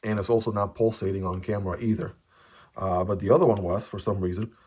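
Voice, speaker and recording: Fast-talking and steady in tone, this man has a fairly low, husky, slightly mellow voice. He's a product reviewer whose first language is Chinese, chatting through an unboxing and frequently asking "right?". He's filmed on a phone camera.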